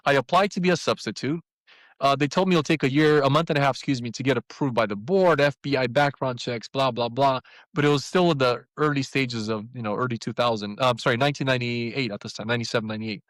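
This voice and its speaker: A man in his fifties telling a personal story as a podcast guest, animated and acting out the people he quotes. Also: medium pitch, fast talker, no echo, low-quality recording. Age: 50s.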